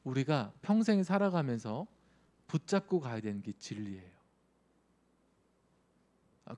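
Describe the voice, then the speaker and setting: In a mid-range voice with a dark tone, a male youth pastor gives a conversational sermon, repeatedly asking his listeners questions.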